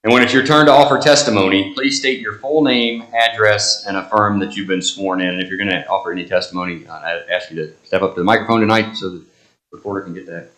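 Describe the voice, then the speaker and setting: A man's voice: fairly low pitch, steady tone, fast talker, fairly bright tone. An American man chairing a public meeting, reciting formal procedure and oaths in a rote, formulaic way. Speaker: board chairman presiding over a public meeting. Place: indoor township meeting room. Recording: echoey public meeting room.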